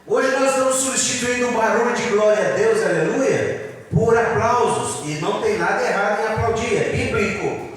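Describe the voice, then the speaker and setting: A man's voice: high-pitched, a little fast, fairly bright tone. A man with a Brazilian Portuguese accent preaching a sermon as pastor, leading his congregation in call and response. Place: large church hall. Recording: echoey church hall, distant mic.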